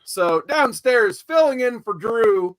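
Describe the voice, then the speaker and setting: A man hosting a live comic-book stream, introducing his guests in a lively, upbeat casual chat over a home mic. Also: very high voice, takes it slowly, dry recording, studio quality. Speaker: podcast host.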